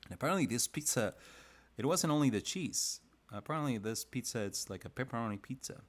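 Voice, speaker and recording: A man's voice: mid-range voice, animated, a little fast. A man who hosts design videos, chatting casually and rambling a little while he draws a comic on a live stream. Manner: chatty and rambling, with frequent restarts. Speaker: illustrator and design video host.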